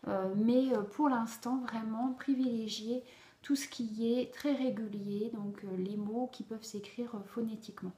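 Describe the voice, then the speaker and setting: A woman's voice: a little high, steady tone, unhurried, warm tone, slight background noise. Patient woman explaining in a roomy echo. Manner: patient, explanatory, addressing parents. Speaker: reading teacher. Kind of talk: instructional video explanation.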